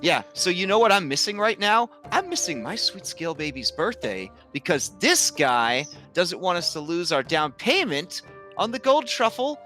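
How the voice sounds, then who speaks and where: An indignant, sassy pony lady, voiced by a man, rants emphatically in a bright, lively voice. A tabletop fantasy character, with faint music behind. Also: high-pitched, moderate pace, voice pushed up, heavily acted. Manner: emphatic, ranting. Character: indignant, sassy female pony airing grievances.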